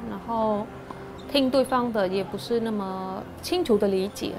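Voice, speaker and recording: A woman in her thirties from Cambodia, a university student, speaking softly and reflectively in a documentary interview. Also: medium pitch, background noise. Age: 30s. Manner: soft, reflective, halting. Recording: clean documentary audio with music underneath. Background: soft background music.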